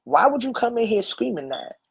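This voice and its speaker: A woman's voice: a little high, big pitch swings, brisk, creaky, breathy edge. A woman hosting a live stream, talking bluntly and emphatically in casual commentary. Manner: blunt, emphatic, laughs along.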